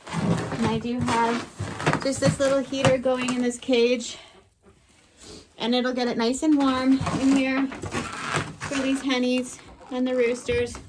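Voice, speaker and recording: A woman's voice: high-pitched, level tone, takes it slowly, long pauses, very noisy. A woman homesteader talking casually to her camera while doing chores outdoors in the cold. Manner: chatty, talks while doing chores, laughs and sighs. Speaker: homesteader vlogger. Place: outdoors and in a chicken coop on a farm in extreme cold.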